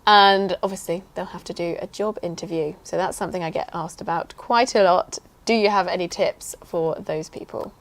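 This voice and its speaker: A woman interviewer with a lower-than-average pitch, asking questions and dropping in short, agreeable replies. Her voice sounds slightly set back from the microphone compared with her guest. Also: moderate pace, few pauses. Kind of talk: conversational interview.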